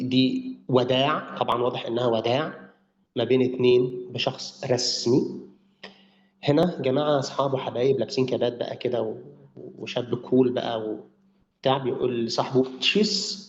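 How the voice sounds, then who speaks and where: A man's voice: mid-range voice, darkish tone. A man with an Egyptian Arabic accent teaching a live online language lesson, drilling pronunciation and repeating words for his learners. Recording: roomy, muffled sound.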